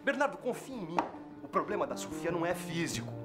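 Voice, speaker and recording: A man's voice: sits high, big pitch swings, fast talker. An actor with a Brazilian accent playing an insistent man sure of his own cure, in a telenovela. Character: insistent man claiming he alone can cure her. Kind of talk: telenovela acting. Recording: loud music behind dialogue.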